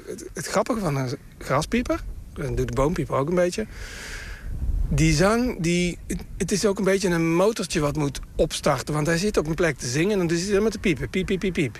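A man with a fairly high voice explains things patiently at a reporter's mic out in open grassland and sometimes imitates bird calls. Faint outdoor ambience sits behind him. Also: animated, normal speed, a little hiss or hum. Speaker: bird sound expert.

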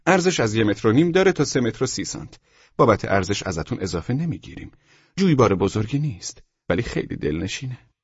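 A man voicing a courteous male junk-store salesman with pleasant, smooth sales patter, on a dull lo-fi recording. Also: mid-range voice, very animated, dry recording, voice pushed up.

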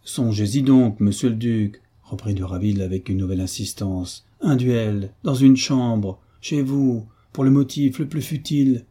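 Man reading as an anxious, insistent gentleman. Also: lowish voice, expressive, brisk, few pauses, husky. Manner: pleading, insistent.

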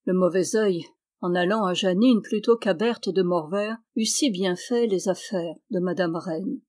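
A woman narrating a classic novel as an audiobook reader, with an even, measured reading. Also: on the low side.

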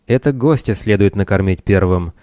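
A man's voice: on the low side, normal speed, warm tone, clean tone, dry recording, studio quality, close to an everyday voice. Theseus: a man doing a resolute pirate captain. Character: bold Greek pirate captain, defiant and determined.

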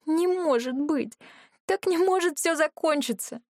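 A woman voicing a desperate young heroine who pleads in a high voice, close to tears. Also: takes it slowly, a little mellow, no echo. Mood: desperate pleading.

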